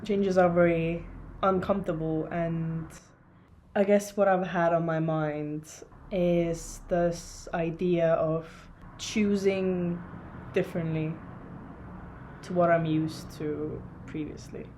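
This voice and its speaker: Young woman from estonia vlogging to camera, lowish voice, slow thoughtful pauses, bit of hiss. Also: steady tone. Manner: soft, searching, with pauses and fillers. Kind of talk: casual reflective monologue to camera.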